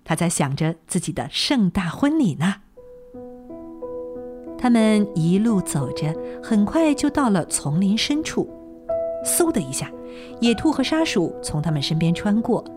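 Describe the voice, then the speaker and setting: A woman narrating a children's story with a lively, expressive reading. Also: medium pitch, unhurried. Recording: narration over clear music.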